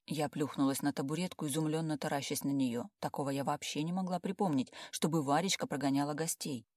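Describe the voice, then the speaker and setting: A woman's voice: sits low, fairly even intonation, fast, a little mellow, no room sound, clean studio sound. Woman reading a wry first-person story. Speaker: audiobook narrator.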